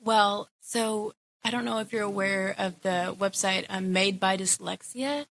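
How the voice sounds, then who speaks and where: A woman's voice: medium pitch, steady tone, a little slow, creaky, a bit bright, a little hiss or hum. A woman in her thirties, a guest in an interview, talking casually with lots of fillers. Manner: casual, chatty, many fillers. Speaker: guest, educator and mother. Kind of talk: conversational interview.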